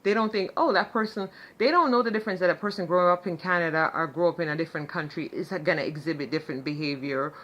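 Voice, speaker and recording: A woman speaks straight to camera in a loose, rambling storytelling style, piling up fillers as she goes. Her voice sits a little low for a woman, and she is openly sarcastic. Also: quick pace, few pauses. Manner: chatty, animated, full of fillers. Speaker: vlogger. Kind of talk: casual storytelling monologue.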